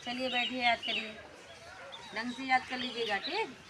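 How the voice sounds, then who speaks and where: A woman's voice: on the high side, fairly even intonation, normal speed, very noisy. A woman playing a teacher who quizzes children on English words, scolding them sternly and repeating her questions. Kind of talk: scolding classroom skit.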